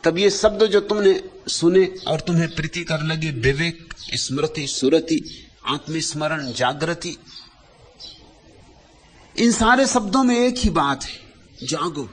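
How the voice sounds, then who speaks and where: A man giving a spiritual discourse as a teacher, speaking in short, lyrical phrases with long pauses and repeated lines for emphasis. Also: a little high, slight background noise.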